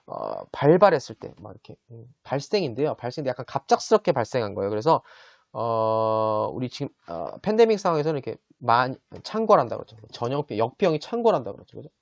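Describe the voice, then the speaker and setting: A man's voice: medium pitch, no room sound. Chatty male English tutor, dull dry sound. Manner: chatty, checks in with listeners often, models pronunciation slowly. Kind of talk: casual vocabulary lesson.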